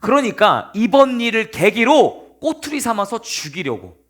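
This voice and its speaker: A man preaching a casual youth sermon as a youth pastor, telling the story in an animated way and speaking directly to his listeners. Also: sits high, a little slow.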